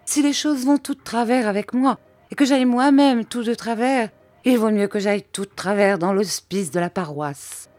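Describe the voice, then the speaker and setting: Whiny old widow, high and plaintive, as a woman reader puts her on, storybook reading. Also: normal speed, a little mellow, no echo, lightly acted. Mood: self-pitying. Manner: plaintive, whining. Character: self-pitying gloomy old widow, tearful and whining.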